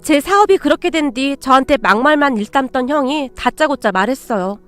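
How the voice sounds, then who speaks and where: Woman storyteller, high voice, even plainspoken reading, scripted narration. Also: fairly quick, soft background music.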